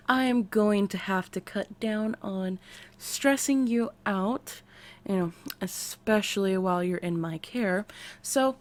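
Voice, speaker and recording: Speaking straight to the listener, an American voice performer plays an excitable, oddball woman scientist acting as therapist in an ASMR character piece. At medium pitch she comes across scatterbrained and amused, her speech quirky, halting and stretched out, with abrupt swoops.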